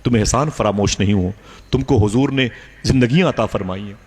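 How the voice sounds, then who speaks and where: A man's voice: on the low side, a little mellow, husky. A male preacher telling a story in an emotional sermon, addressing the women listening with passion. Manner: impassioned, addresses the women of the audience.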